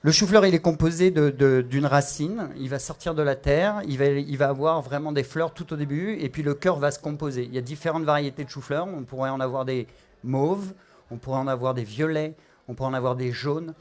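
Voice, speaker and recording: Brisk and slightly high-voiced, this middle-aged Parisian-accented chef from France explains what he's cooking in a demonstration. He often starts over and leans on fillers.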